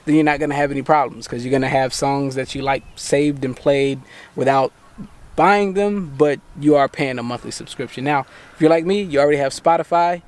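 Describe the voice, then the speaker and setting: Speaking a little fast, a man in his thirties with a medium-pitched, darkish voice hosts a tech channel from a parked car by day. He patiently leads viewers through a fix one step at a time in a casual walkthrough.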